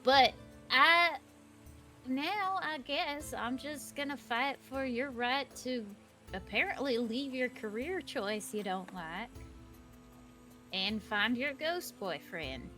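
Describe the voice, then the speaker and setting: A woman voicing a brisk, supportive former suffragette, speaking in character in a tabletop role-play. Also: high-pitched, lively intonation, bright, forceful tone, faint music behind, pitched above the performer's own voice, full character voice. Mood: teasing. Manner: teasing, fond.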